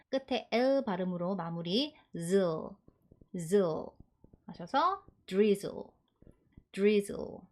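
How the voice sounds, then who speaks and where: A woman teaching English vocabulary in an online lesson, slowly drilling pronunciation and having listeners repeat words after her. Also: a little high, a little mellow. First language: Korean.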